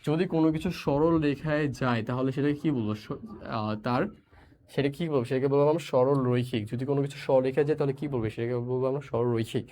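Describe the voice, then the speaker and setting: Brief: young male tutor, mid-pitched voice, teaches by drilling repeated questions. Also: fairly quick, mellow, slight background noise. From Bangladesh. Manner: repeats questions and answers, mixes English words into speech. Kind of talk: online physics lesson.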